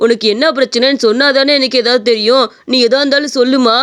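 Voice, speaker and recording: A voice actor with a Tamil accent playing a stingy, calm husband in a cartoon story, talking things through. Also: high voice, fast, clear, resonant tone. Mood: concerned. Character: stingy middle-aged husband, calm and penny-pinching.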